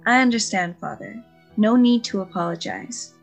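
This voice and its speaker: A woman voicing a polite, dutiful young princess who speaks in a soft, courteous way. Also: medium pitch, moderate pace, gravelly, soft background music. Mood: respectful.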